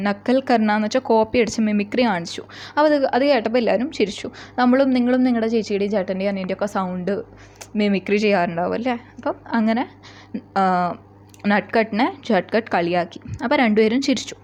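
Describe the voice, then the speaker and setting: Woman teacher from kerala, reads slow then explains fast and chatty, muffled lo-fi audio. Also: medium pitch, darkish tone. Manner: reads lines slowly, then explains them quickly and chattily. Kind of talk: explaining a textbook story.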